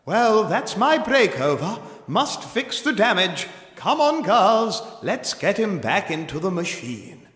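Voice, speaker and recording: An actor playing a fussy, bumbling elderly professor in exaggerated children's theatre style, talking out to the audience. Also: male voice, sits high, sing-song, takes it slowly, hardly any pauses, fairly bright tone, full character voice. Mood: flustered. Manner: theatrical, addresses the audience as boys and girls. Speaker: character in a children's stage show. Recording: echoey theatre hall, music underneath.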